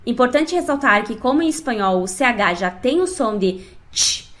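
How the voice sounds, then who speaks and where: A woman teaching a scripted online language lesson, explaining clearly and speaking directly to the learner. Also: a little high, lively intonation, moderate pace, a bit bright. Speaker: Spanish teacher.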